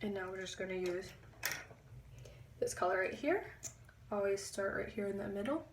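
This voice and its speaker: A young woman giving a chatty makeup tutorial, pausing as she concentrates. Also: medium pitch, distant mic. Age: young adult. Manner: chatty, halting while concentrating. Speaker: beauty vlogger. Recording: echoey room, a bit off-mic.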